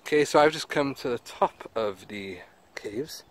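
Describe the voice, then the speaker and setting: A vlogger narrates a casual walking vlog as he explores woods and the inside of a cave, exclaiming at what he finds. His mid-range voice is expressive and unhurried, and the handheld camera mic gives a dry recording.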